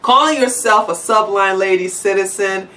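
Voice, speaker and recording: A woman's voice: mid-range voice, normal speed, bright, forceful tone, far from the mic. A woman vlogger ranting to the camera, blunt and sarcastic, swearing freely. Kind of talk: angry profane rant to camera.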